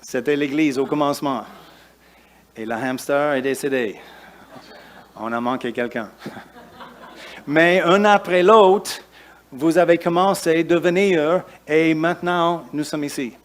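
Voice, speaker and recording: Pastor preaching in halting French. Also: male voice, on the high side, a little hiss or hum. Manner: preaches with halting restarts, rising emphatic lists and quieter asides. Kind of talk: sermon.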